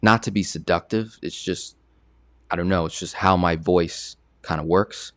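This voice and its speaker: A personal finance coach presents casually online, chatting conversationally and repeatedly asking "right?". His voice is low and a bit bright with fairly even intonation, and his pace is unhurried. There's no room sound.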